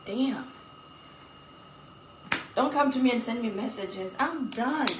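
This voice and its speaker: A woman with a Somali accent and Somali as her native language, chatting bluntly and excitably to followers in a casual rant that mixes two languages. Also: on the high side, slow. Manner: blunt, animated, exclamatory. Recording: echoey room with faint background noise.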